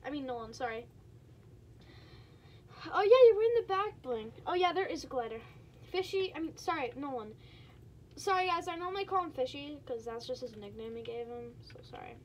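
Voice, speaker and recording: A woman giving casual, excitable commentary while playing a game, chatting to her viewers with quick exclamations. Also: high-pitched, slight background noise. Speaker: gaming streamer.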